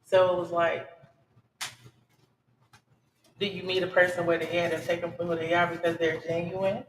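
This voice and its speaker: A woman of thirty, a podcast guest, talking earnestly and relaxed in casual chat. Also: lowish voice, fast talker, far from the mic, a little hiss or hum. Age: 30s. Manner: relaxed, earnest, talks it through. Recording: echoey room, away from mic.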